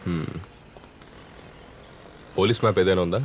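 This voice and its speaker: A man's voice: sits low, steady tone, normal speed, slight background noise, close to an everyday voice. An actor playing a curt male police inspector in a dubbed film, asking short pointed questions. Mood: brusque. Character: terse male police inspector, sharp-minded. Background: film score.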